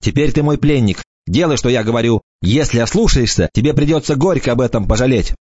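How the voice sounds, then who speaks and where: A male narrator voicing a fierce, frightened young woman who hisses threats and shouts, in a dull, dry recording. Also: mid-range voice, lively intonation, fairly quick, breathy edge, no room sound, voice pushed up. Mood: harsh, commanding.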